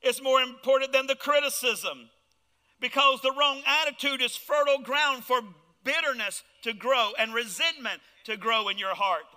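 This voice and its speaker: A man's voice: very high-pitched, normal speed, bright, forceful tone, clear, resonant tone, in a large hall. A man preaching a fervent sermon as pastor, throwing out call-and-response asides to his congregation. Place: church.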